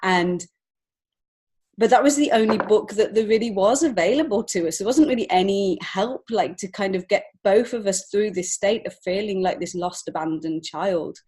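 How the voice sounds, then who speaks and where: Her voice is mid-range, a little mellow and husky, moving at a normal speed as she tells personal stories as an interview guest on a podcast. A children's book author and illustrator, she comes across as heartfelt, informal and emotionally open.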